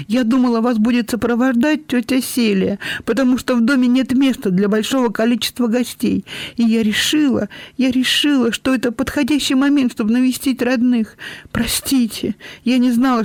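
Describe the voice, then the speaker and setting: A man's voice: very high-pitched, fairly even intonation, fairly quick, dry recording, voice pushed up. A man reading aloud, voicing an eager, apologetic young woman who talks in breathless, flustered bursts. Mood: pleading, eager.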